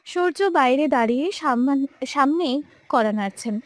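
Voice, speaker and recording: A woman's voice: sits high, expressive, normal speed, dry recording. A young woman narrating a romantic audio story with emotive, dramatic delivery. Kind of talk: scripted narration.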